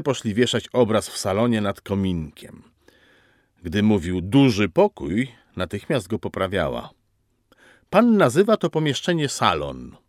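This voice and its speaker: A man narrating a story in an ironic, expressive reading style. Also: fairly low pitch, no echo, clean studio sound. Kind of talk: scripted storytelling.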